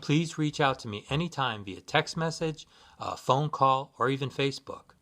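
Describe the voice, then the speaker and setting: A man giving sincere, measured spiritual guidance in a scripted instructional talk, with occasional fillers. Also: mid-range voice, lively intonation, a bit bright. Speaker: Buddhist practitioner giving guidance.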